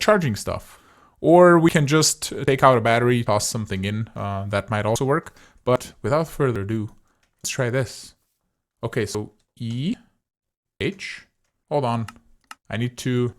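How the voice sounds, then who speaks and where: A man hosts a gaming video in a voice of medium pitch. He comments casually on his play, chatting and thinking aloud as he decides what to try.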